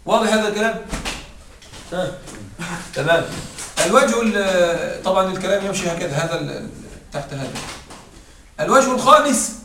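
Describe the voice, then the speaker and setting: A man teaching a grammar lesson, explaining step by step, slowing down to dictate parsing phrases and often checking that the class follows. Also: high voice, animated, pushed and bright. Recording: echoey room, distant mic, faint noise.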